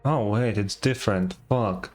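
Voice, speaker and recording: His pitch is fairly low and a little mellow, his pace unhurried. The gaming streamer mutters his way through casual reactions as he plays, thinking aloud with some hesitation while game music runs in the background.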